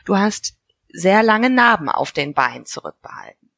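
Gravelly, husky woman podcast host. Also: medium pitch, very animated, moderate pace, a bit bright, no echo, studio quality. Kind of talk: interview questions.

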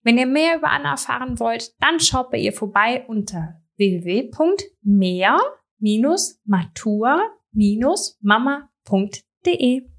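Chatty woman podcast host, gravelly voice. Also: fairly high pitch, lively intonation, measured pace. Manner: warm, chatty, addresses listeners directly. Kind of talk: podcast interview.

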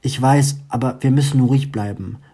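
A man voicing a calm new schoolgirl who gives steady, reassuring instructions. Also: medium pitch, moderate pace, husky.

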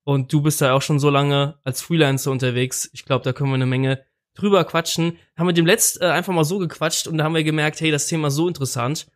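A man hosting a casual podcast interview. His voice sits a little higher than most men's. He talks loosely and jokes as he goes. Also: fast talker. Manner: relaxed, jokey, loose. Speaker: podcast host.

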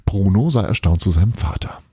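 A man reading a Christmas story aloud with a lively, expressive delivery. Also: low-pitched, a little fast, husky, no room sound, clean studio sound.

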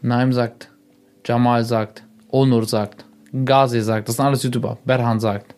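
A young man, a YouTuber appearing as a guest on a radio show, tells stories casually in an unhurried, medium-pitched voice. He is animated and acts out the quoted dialogue.

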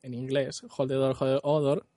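A man's voice: mid-range voice, flat delivery, moderate pace, mellow, dry recording, soft background music. Joking Spanish man with a dry sound. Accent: Spain Spanish. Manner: jokey, reads out lines in mock foreign accents between laughs. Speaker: podcast co-host. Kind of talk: casual comedic chat.

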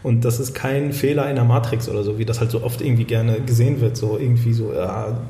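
A man co-hosting a casual talk show, talking in a halting way with many fillers and restarts. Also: mid-range voice, steady tone, dark tone, roomy sound, a little hiss or hum. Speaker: podcast co-host. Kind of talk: casual discussion.

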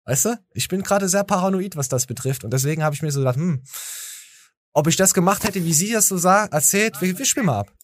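A man's voice: high-pitched, fast talker, a little hiss or hum. A tired man hosting a podcast, rambling and joking with stammering restarts. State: tired from little sleep. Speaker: podcast host. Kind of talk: casual chat.

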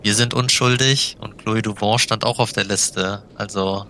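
Lowish, bright-voiced man playing tabletop. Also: fairly even intonation, measured pace, slight background noise. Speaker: role-play player. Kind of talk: casual tabletop role-play.

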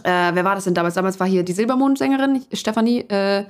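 A woman's voice: mid-range voice, fast. A young adult woman, a singer and guest, chatting loosely in an interview with many fillers and laughs. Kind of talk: casual storytelling interview.

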